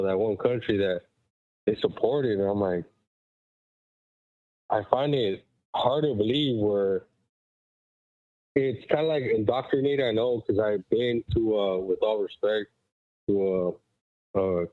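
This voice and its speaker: A man's voice: on the low side, dry recording. A man calling into a show on his phone while power walking, sounding muffled as if through a wall, rambling and emphatic with lots of fillers. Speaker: caller. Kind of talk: casual call-in chat. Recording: muffled, tinny, dry phone line.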